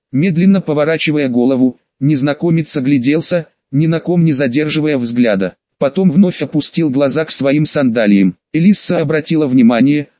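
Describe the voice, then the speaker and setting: Guy reading a fantasy audiobook, kinda high voice, dull dry recording. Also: dry recording. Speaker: audiobook narrator. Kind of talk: scripted narration.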